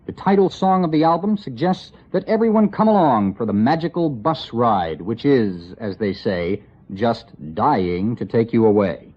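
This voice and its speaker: A man's voice: medium pitch, normal speed, few pauses. A man narrating a scripted radio report with wry, dry asides. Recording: lo-fi 1960s radio broadcast.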